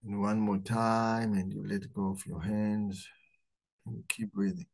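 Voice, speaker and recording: A man hosting a live book club, talking about the book and then slowly leading a guided meditation in a soft, calm voice. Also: fairly low pitch, vocal fry. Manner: slow, soft-spoken guiding voice. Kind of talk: live talk.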